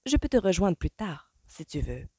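A woman reading an audiobook voices a shy but resolute young woman with quiet, stubborn politeness. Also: on the low side, big pitch swings, moderate pace, slightly rough, dry recording, heavily acted.

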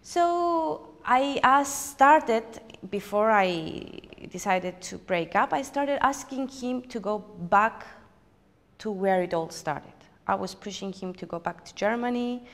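A woman telling a personal story in a documentary interview, reflective and hesitant, often restarting her sentences. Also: fairly high pitch. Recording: long hall reverb.

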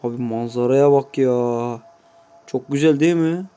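A man's voice: mid-range voice, measured pace, mellow, clear, resonant tone. A man giving casual gameplay commentary, swearing constantly and grumbling to his viewers in mock-offended asides. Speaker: gameplay YouTuber.

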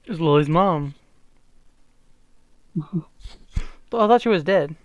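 Excitable young man, dry close mic. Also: fairly high pitch, slow pace, dry recording. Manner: excitable, stammering, reads game dialogue aloud. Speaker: game playtester. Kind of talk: casual gameplay chat.

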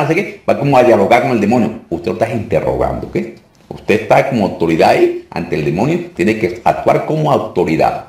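A man's voice: low voice, darkish tone, roomy sound. A man, a deliverance minister, giving an informal teaching talk for a course. He talks emphatically, repeats phrases for stress and keeps checking in with his listeners.

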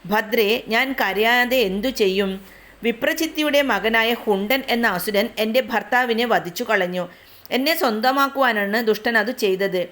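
A woman's voice: on the high side, moderate pace, a bit bright, close to an everyday voice. Woman reading as a grieving widow who is a disguised demon. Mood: mournful.

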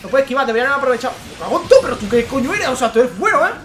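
A man with a Spain Spanish accent giving excitable let's play commentary, with frequent swearing and exclamations. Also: very high-pitched, very fast, slight background noise. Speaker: gaming channel host.

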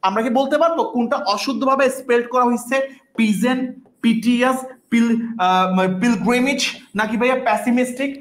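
A woman's voice: on the high side, fairly quick. A woman teaching a vocabulary class, repeating each word and often checking that students understand. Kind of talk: online class lesson.

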